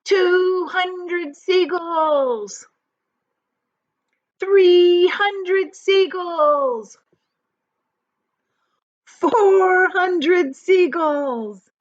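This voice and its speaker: A woman's voice: extremely high pitch, extremely slow, long pauses, voice pushed up, exaggerated voice. A woman voicing a brave, urgent boy hero giving orders in a children's storybook, in a muffled, roomy recording. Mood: urgent, excited. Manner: urgent, commanding, exclaiming. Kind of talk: children's storybook read-aloud.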